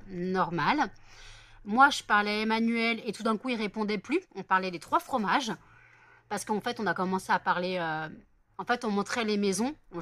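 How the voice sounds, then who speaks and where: A woman's voice: mid-range voice, fairly bright tone, no echo. A woman chatting casually in a home vlog, rambling with many fillers and self-corrections. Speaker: vlogger. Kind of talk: casual daily vlog chat.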